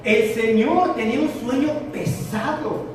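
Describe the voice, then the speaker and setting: A man's voice: very high voice, measured pace, noisy background. Man, preacher, sermon, echoey church hall, heard from far off, congregation behind. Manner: animated, swings between loud and soft. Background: congregation answering.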